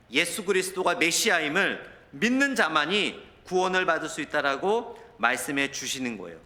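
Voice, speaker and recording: A male pastor preaching a sermon in a lively, storytelling manner. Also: sits high. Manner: animated preaching, mixes in anecdotes and quoted dialogue. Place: church sanctuary. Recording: long church hall reverb.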